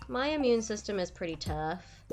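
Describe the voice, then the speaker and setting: A young woman streams a game and chats casually with her viewers, her mid-range voice stuffed up and nasal from a cold. She talks at a moderate pace in a lively, rambling, chatty way.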